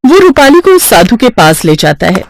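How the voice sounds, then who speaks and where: A woman reads a moral story aloud as scripted storybook narration. Her voice rises and falls a great deal, and she brings an expressive touch to every line. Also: on the high side, normal speed, vocal fry, no echo.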